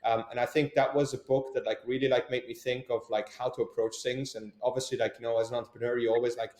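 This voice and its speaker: A man's voice: mid-range voice, little pitch movement, fast, a little mellow. A young man from Switzerland, an entrepreneur answering interview questions in a hesitant way, with many fillers and restarts. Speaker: entrepreneur guest. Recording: echoey room.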